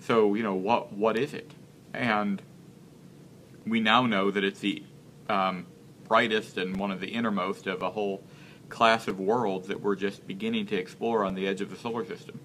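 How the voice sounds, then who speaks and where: Thirties guy, kinda low voice, earnest, stops and restarts a lot, faint background hum. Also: fairly even intonation, a bit bright. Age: 30s. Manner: earnest, halting, searches for words. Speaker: interview guest. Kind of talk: casual live-stream interview.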